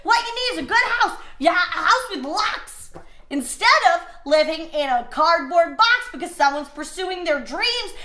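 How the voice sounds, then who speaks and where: Young lady doing a jokey advice rant, super high and bouncy voice, lots of asides, roomy echo. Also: bright, forceful tone. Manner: rambling, self-deprecating, rapid asides. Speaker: comedy advice host. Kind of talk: comedic advice monologue. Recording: echoey room.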